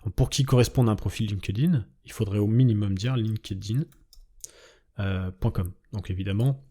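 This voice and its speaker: A man's voice: fairly low pitch, moderate pace, dark tone, slightly rough. A man teaching a coding tutorial over his screen, explaining step by step, checking in with the viewer and thinking aloud as he types. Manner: explains step by step, often asks "d'accord?"; thinks aloud while typing, trailing off. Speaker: coding instructor.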